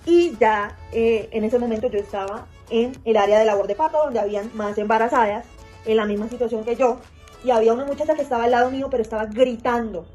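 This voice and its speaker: A woman with a somewhat high, mellow voice tells a personal story in a rambling, repetitive way, looping back with fillers. Faint music plays underneath. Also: highs cut off. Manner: rambling, repeats herself, many fillers. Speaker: vlogger telling a personal story. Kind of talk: casual storytelling monologue.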